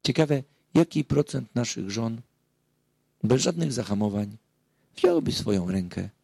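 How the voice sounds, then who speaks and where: A man's voice: medium pitch, big pitch swings, unhurried, vocal fry, warm tone, slightly rough, no echo. A middle-aged man giving a public talk as a marriage counselor, telling stories earnestly and rising to emphatic outbursts. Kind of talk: public lecture to an audience.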